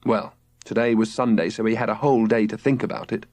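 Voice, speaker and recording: A man whose voice sits on the low side talks fast while narrating a children's audiobook in an expressive, scripted storytelling manner, with no echo.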